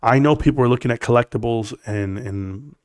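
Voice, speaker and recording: Speaking fairly quickly in a mid-range, scratchy voice, a middle-aged man gives his livestream audience an opinionated stock rant. He's blunt and emphatic, addressing the chat head-on, and the recording is clean studio audio with no room sound.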